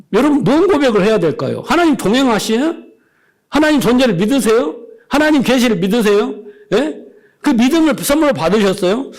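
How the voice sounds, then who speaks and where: A middle-aged male pastor preaching a sermon, emphatic, often asking the congregation questions and acting out little dialogues. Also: very high-pitched.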